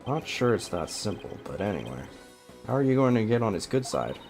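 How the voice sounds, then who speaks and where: A man's voice: fairly low pitch, sing-song, a little fast, darkish tone, faint music behind. A man voicing a sensible, polite male defense attorney from a video game. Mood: wry. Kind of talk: video game dialogue read aloud.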